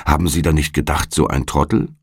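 A deep-voiced man reading a needling young man. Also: level tone, a little fast, slightly rough, dry recording, studio quality. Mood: goading. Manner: insistent, goading questions.

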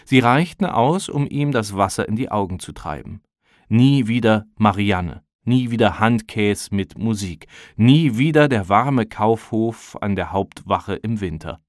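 Man reading a story, calm and slow, low-ish voice, dead dry recording. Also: no echo. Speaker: audiobook narrator. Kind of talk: scripted narration.

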